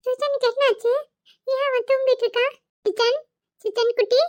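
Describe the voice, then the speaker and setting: A woman's voice: very high-pitched, fairly even intonation, normal speed, dry recording. A woman voicing a small playful child who whines and pleads in a cartoon. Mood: puzzled. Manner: whiny and pleading. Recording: dull, dry home recording.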